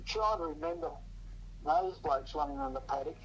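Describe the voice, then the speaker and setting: An older man, a guest chatting casually in a rambling, hesitant way, heard through a low quality speakerphone recording. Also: normal speed, breathy edge, rough recording. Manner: rambling, hesitant, full of ums and restarts. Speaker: guest on a podcast, host's father. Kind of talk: casual chat about rugby league.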